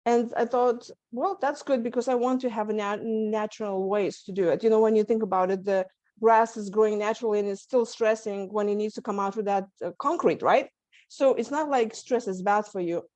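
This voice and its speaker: Speaking brisk and steady in a mid-range, darkish voice, a stress management coach from Lithuania recounts her story in a candid interview, her Lithuanian accent clear. She's earnest, often restarting and laughing softly. The recording is dry, made over a video call from her home setup with the call's mic.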